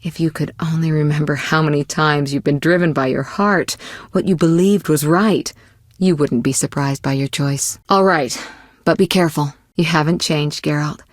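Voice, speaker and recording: Triss, a low-voiced, poised game sorceress. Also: female voice, normal speed, dry recording, clean studio sound. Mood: composed, gently chiding. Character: poised, worldly young sorceress, caring but teasing and possessive. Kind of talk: scripted video game voice acting.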